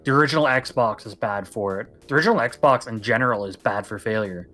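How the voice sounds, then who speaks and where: This young co-host of a casual podcast has a lowish, sharp-toned voice and talks fairly quickly. He rambles on at length in an emphatic, chatty way.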